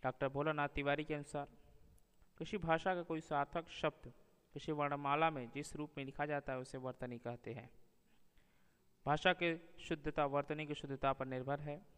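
A man teaching a grammar lesson, reading pairs of words slowly and deliberately, one after another. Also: fairly high pitch, fairly even intonation, fairly bright tone, clear, resonant tone. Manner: slow, deliberate word-by-word reading of spelling pairs. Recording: long reverb.

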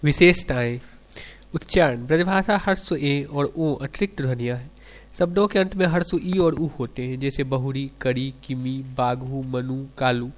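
A man reading a lecture on dialect features slowly and carefully, pausing after each word example. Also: mid-range voice. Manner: slow, measured reading of word examples in lists. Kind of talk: academic lecture on Hindi dialects.

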